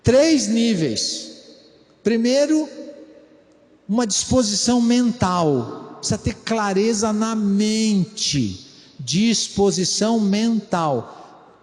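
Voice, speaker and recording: A Brazilian pastor with a fairly high voice preaches in an easy, conversational way. He takes his time, lingering on single words for emphasis. His voice rings through a reverberant church hall. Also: animated, a little mellow. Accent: Brazilian Portuguese. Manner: conversational preaching, slows to stress key words. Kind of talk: sermon.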